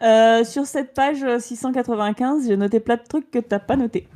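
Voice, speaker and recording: A woman's voice: a little high, moderate pace, dark tone. A woman co-hosting a casual podcast chat, reading passages from a book aloud and reacting with laughter and mock outrage. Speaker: podcast co-host.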